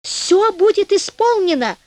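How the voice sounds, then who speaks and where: Sly storybook devil, oily and ingratiating, high and swooping, read by a woman. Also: very animated, normal speed, no echo. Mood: wailing. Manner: ingratiating, then shrill pleading. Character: sly fawning male devil, later wailing.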